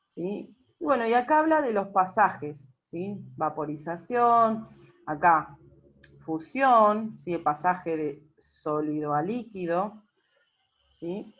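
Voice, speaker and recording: Woman teacher, patient and checking in often, fairly low voice, muffled lo-fi recording. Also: animated, takes it slowly. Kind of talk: recorded class explanation. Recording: dull lo-fi recording.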